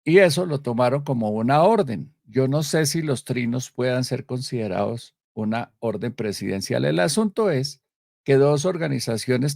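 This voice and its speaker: A man from Colombia hosting a live political commentary show, speaking emphatically with many pauses and self-corrections. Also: mid-range voice, vocal fry, darkish tone, no echo, studio quality. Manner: emphatic, stresses key words, frequent pauses and self-corrections.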